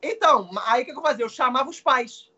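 A man's voice: very high-pitched, fast, slightly rough, highs cut off. A young man, a guest actor telling a funny personal story in casual chat, acting out the voices he quotes. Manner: animated, acts out quoted voices, swears. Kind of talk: casual storytelling on a live show.

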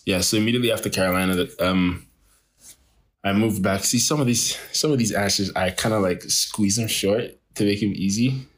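A travel photographer chats casually in an interview, animated and laughing a lot while restarting his sentences often. His voice is fairly low and his pace fairly quick.

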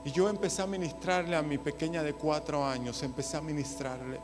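A man preaching a sermon, moving from hushed storytelling to loud impassioned preaching. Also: a little high, steady tone, a little fast, music in the background. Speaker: pastor.

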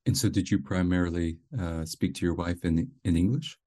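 A man's voice: low voice, brisk, mellow. A middle-aged man hosting a show, moving between scripted narration and interview questions.

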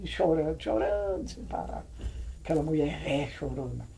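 In poor audio with a little hiss or hum, an older woman with a Brazilian accent rambles vividly through old family stories, dramatizing scenes with exclamations as the family elder looking back. Her voice sits low and sounds mellow, with lively intonation at a moderate pace. It's casual oral storytelling.

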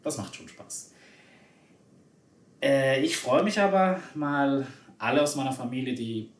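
A man's voice: mid-range voice, measured pace, echoey room. A man from Spain in casual conversation, chatty and hesitant, with many fillers. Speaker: conversation partner. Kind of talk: casual chat.

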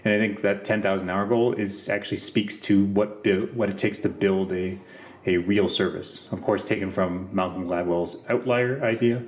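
Male co-host, slightly deep voice, talking through updates and opinions informally. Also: steady tone, normal speed. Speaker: podcast co-host reading news updates. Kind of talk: informal news rundown with commentary.

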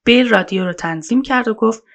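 A woman narrating a true-crime story in a colloquial, measured storytelling voice, as a podcast narrator. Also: a little high, lo-fi sound.

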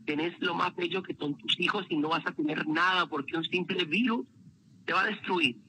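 A man voicing Death as a calm spirit. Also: high voice, moderate pace, background noise, close to an everyday voice. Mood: calm, stern.

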